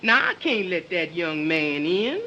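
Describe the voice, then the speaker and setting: Dull early talkie film sound. a fretful, motherly maid with a slow Southern US drawl and a bright, scolding delivery. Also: on the low side, big pitch swings, a little hiss or hum, full character voice. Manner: folksy, drawn-out, scolding. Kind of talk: early talkie film acting, broad comic.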